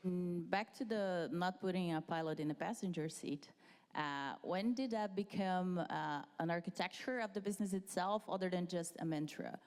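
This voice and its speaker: A woman moderating a conference fireside chat, asking questions with a hesitant, halting delivery. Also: fairly low pitch, darkish tone, in a large hall. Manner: hesitant, many fillers and restarts. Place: conference stage.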